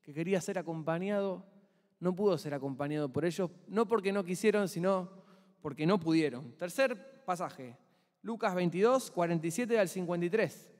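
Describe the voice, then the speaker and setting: Man, Argentine accent, preaching a sermon, high pitch, long echo of a church hall. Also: normal speed. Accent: Argentine Spanish. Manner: expressive, dramatizes the scene.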